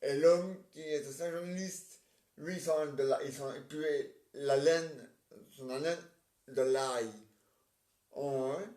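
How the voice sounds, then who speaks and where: Man, slightly high voice, very slow, halting comic play acting, stammers and repeats words, far from the mic. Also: fairly even intonation, dark tone. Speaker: amateur stage performer. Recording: roomy, distant mic.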